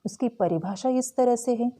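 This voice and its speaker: A woman teacher explaining a Hindi grammar lesson slowly and carefully to school students. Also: fairly high pitch, dark tone, slight background noise. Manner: slow, careful explaining with frequent "tो चलो".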